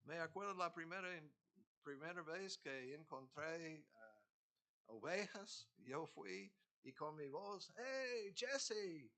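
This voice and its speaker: A man preaching a sermon as pastor, in an expressive, conversational way. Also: a little high, takes it slowly. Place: church sanctuary.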